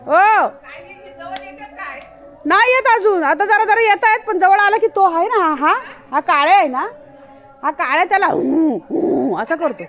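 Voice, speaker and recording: A woman with a high voice talks to her camera as she walks outdoors in light rain. She keeps calling, coaxing and scolding her dogs. Faint music sits under her voice. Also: a bit bright. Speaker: vlogger. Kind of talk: casual vlog talk. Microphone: handheld camera while walking.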